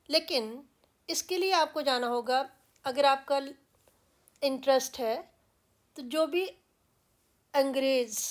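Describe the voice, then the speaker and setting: Woman, Indian English accent, high voice, patient pronunciation teacher, unhurried. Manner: slow, patient, repeats example words carefully. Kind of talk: pronunciation lesson in Hindi with English words.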